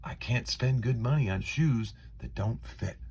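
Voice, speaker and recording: A man voicing a kindly, gentle grandmother in a children's storybook. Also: mid-range voice, measured pace, a little hiss or hum, close to an everyday voice. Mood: gently firm. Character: kindly grandmother of a young boy.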